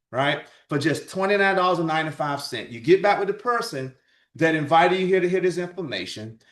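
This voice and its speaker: A man's voice: on the high side, fairly bright tone, roomy sound. A man presenting a product and business opportunity to an audience, upbeat and repeating "right?" and "guys" as he goes. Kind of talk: sales pitch presentation.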